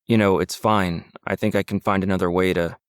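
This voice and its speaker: A man's voice: deep voice, steady tone, fairly quick, clear, resonant tone, no room sound, clean studio sound, close to an everyday voice. A man reading the lines of an uneasy, hesitant man haunted by a ghost, in an awkward, faltering way, in an audiobook.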